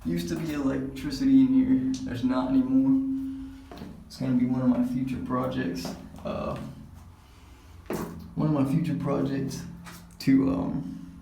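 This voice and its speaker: A man speaks in a gravelly, creaky voice at an ordinary middle pitch, wandering through his thoughts with many fillers. His voice echoes around a damp underground concrete shelter, and faint noise sits under the recording. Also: steady tone, measured pace, pauses often. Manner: hesitant, rambling with many fillers. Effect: echoing underground concrete shelter. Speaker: vlogger. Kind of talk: casual walkthrough commentary.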